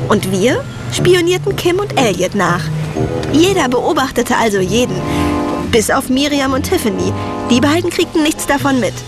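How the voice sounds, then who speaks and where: A woman's voice: high voice, big pitch swings, moderate pace. A wry teenage girl narrator. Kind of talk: dubbed series narration. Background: music.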